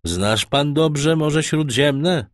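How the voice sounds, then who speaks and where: A man's voice: a little high, animated, extremely slow, no room sound, studio quality, pitched above the performer's own voice. A man voicing a brusque, doubting middle-aged ship's master in an audiobook. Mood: doubtful.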